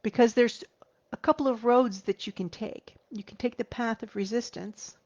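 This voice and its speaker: A woman in her forties, a grief therapist, speaking earnestly to viewers, slowing down and dropping to a soft whisper for emphasis. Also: fairly high pitch, steady tone. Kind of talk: heartfelt talk to viewers. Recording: slightly dull lo-fi recording.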